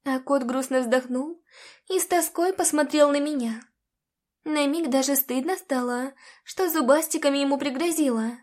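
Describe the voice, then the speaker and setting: A woman narrating a first-person fantasy audiobook in a calm, measured way. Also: high-pitched.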